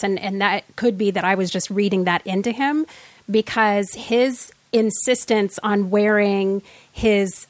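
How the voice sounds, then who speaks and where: Slow, measured woman from Oregon. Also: mid-range voice, no room sound. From Central Oregon, US. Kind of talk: casual panel discussion.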